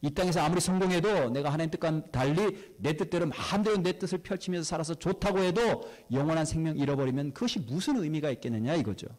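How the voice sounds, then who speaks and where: A male pastor preaching a sermon, who asks the congregation questions and answers them himself and slows down to stress key words. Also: a little high, a little mellow.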